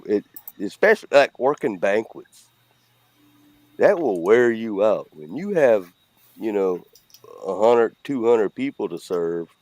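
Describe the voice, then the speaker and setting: Here a Cajun-accented, middle-aged man from Louisiana rambles bluntly through a casual chat as co-host. The voice is deep and a little mellow, with no room sound.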